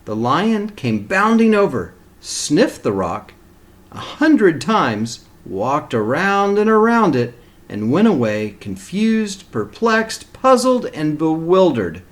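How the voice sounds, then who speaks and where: A man reading a picture book aloud to young children, expressively and with deliberate phrasing. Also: fairly high pitch, sing-song. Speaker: storybook reader for kindergarten children. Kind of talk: read-aloud storytelling with short asides.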